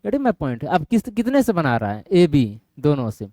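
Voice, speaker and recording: A man's voice: on the high side, wildly swooping pitch, a little slow, warm tone, dry recording, clean studio sound. A male math teacher lecturing a classroom of students, often quizzing them and asking if they follow. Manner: quizzes students, keeps asking "getting my point?".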